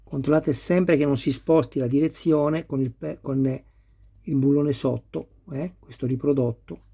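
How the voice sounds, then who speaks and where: Husky Italian-speaking man building a model. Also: medium pitch, steady tone, unhurried, mellow. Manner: patient, talks viewers through each step. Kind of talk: hands-on assembly tutorial.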